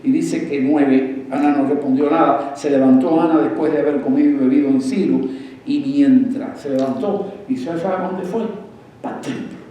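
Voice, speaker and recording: A man preaching a sermon in a church, putting questions to his congregation and dropping from raised passages to near hushes. His voice sits a little higher than most men's. He stands back from the microphone, and the room rings with heavy echo. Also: normal speed, a little hiss or hum. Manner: asks the congregation questions, swings from loud to hushed. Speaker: pastor. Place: church sanctuary. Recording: echoey room, voice from a distance.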